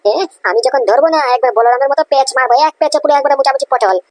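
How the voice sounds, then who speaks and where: A woman's voice: high-pitched, dry recording, close to an everyday voice. A woman voicing a fiery cartoon cop. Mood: defiant. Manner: scolding, rapid, repeats "understand?". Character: defiant young male police officer, honest.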